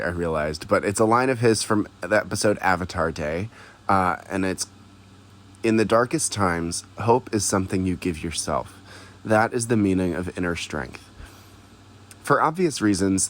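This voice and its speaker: A man leaving an earnest, reflective voicemail for a podcast as a listener. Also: deep voice.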